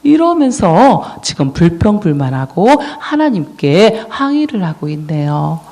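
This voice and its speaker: Lively children's sermon narrator who quizzes the kids as the story goes. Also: medium pitch, moderate pace. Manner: storytelling, asks the children questions. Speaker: children's ministry preacher.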